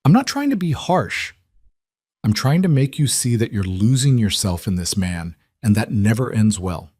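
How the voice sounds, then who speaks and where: A worried young woman friend pleads and presses her point, as a man reading the story puts her on. The voice is lifted slightly above his usual low tone, in a dry, close recording. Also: very animated, normal speed, darkish tone, slightly rough, no room sound. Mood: pressing.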